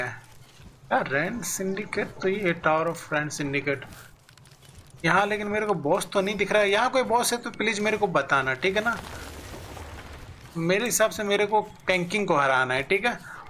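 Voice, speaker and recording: Male gaming YouTuber, high bright voice, chatty let's-play talk to viewers. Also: normal speed, slight background noise. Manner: chatty, addresses viewers directly, thinks aloud. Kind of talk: casual let's-play commentary.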